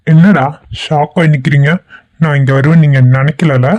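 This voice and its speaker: A man's voice: on the high side, steady tone, normal speed, darkish tone, soft background music, natural voice. A man voicing a confident young hero who boasts and challenges his enemies, in a cartoon. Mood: defiant. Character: bold young male hero, confident and defiant. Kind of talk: cartoon voice acting.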